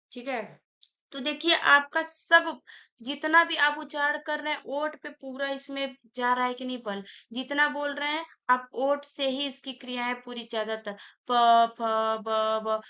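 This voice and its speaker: A woman's voice: high voice, moderate pace, bright, forceful tone, lo-fi sound. A woman teaching an online grammar lesson, saying sounds aloud one by one and explaining each step.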